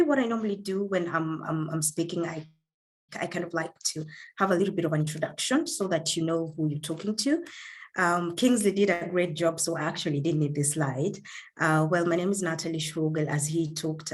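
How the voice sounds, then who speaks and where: Low-voiced woman from Kenya giving an online talk. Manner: warm and earnest, with frequent fillers and repeated words. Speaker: guest speaker. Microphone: video call.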